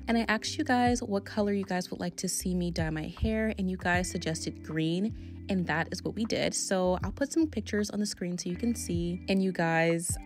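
A young woman in her early twenties speaks in a relaxed, rambling voiceover, leaning on "like" and "so" as she chats. Her voice sits on the lower side for a woman, and faint music plays quietly underneath. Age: 20s. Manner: rambling, repeats "like" and "so". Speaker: nail artist and channel host. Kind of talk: casual chatty voiceover. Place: home studio, voiceover recorded apart.

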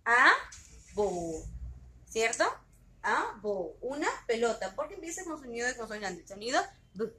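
A woman's voice: fairly high pitch, very animated, pushed and bright, slight background noise. Patient woman teaching children in an echoey room. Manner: slow, patient, asks questions and repeats words. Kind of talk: bilingual lesson for young children.

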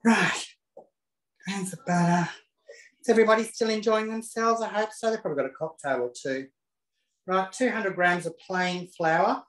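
A high-pitched, fairly bright-toned man at a moderate pace leads a casual live cooking demonstration at home. His chatty, camp manner includes cheeky asides, captured by a camera he set up himself in a kitchen with roomy echo.

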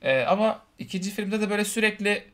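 Guy gushing and griping about a movie, high voice, rattles on super fast. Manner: animated, mimics characters in quick asides. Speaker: podcast co-host. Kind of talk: casual film review chat.

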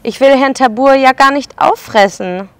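A woman voicing a gentle, kindly young male lion who doesn't want to scare anyone, in a read-aloud storybook. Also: sits high, moderate pace, clear, resonant tone, dry recording, pitched above the performer's own voice, close to an everyday voice. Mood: innocent.

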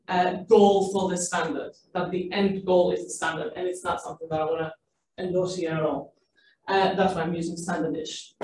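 At an academic seminar, a woman researcher presents her study, explaining at length with fillers and self-corrections. Her voice is medium-pitched with a darkish tone, and the seminar room sounds echoey, picked up by a distant mic with faint hiss.

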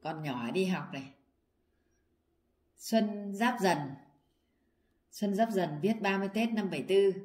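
Slow-reading older woman vlogger. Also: mid-range voice, a little mellow. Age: 60s. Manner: slow reading, often breaking into laughter. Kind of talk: casual vlog, reading her old poems aloud.

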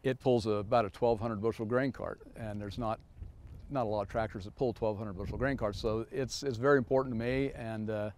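Kansas farmer man, halting and chatty. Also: on the low side, fairly even intonation, a little mellow. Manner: halting, storytelling with many fillers. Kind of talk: casual interview. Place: open machine shed by a tractor.

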